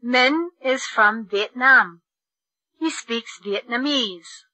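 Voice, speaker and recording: A slow, bright woman reading lesson lines. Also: a little high, no echo, poor audio. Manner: slow, precise enunciation for learners. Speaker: textbook audio reader. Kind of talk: slow, clear textbook reading.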